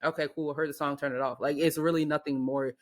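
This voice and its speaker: A woman's voice: low-pitched, steady tone, quick pace, darkish tone. An American woman co-hosting a podcast, chatting casually and emphatically in slangy speech with pointed rhetorical questions. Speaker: podcast co-host. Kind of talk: casual opinionated chat.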